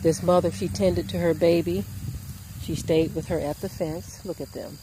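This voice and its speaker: A woman hosting a casual farm vlog outdoors, telling a story slowly and gently and cooing at the animals. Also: lowish voice, fairly even intonation, noisy background. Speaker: channel host.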